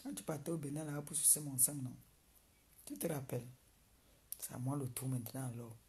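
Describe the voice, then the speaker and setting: A woman's voice: very deep voice, fairly quick, mellow. A woman on a live video, taunting someone she dislikes and repeating insults over and over. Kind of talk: mocking live-video rant.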